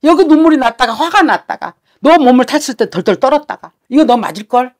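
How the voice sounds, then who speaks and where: A woman's voice: high voice, animated, fast talker. A woman shaman giving a fortune-telling session, talking bluntly and scolding with coarse words.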